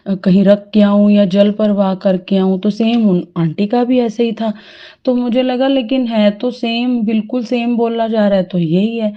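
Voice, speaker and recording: Middle-aged lady rambling thru a devotional testimony, earnest, kinda muffled lo-fi sound. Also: mid-range voice. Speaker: devotee sharing an experience. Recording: dull lo-fi audio.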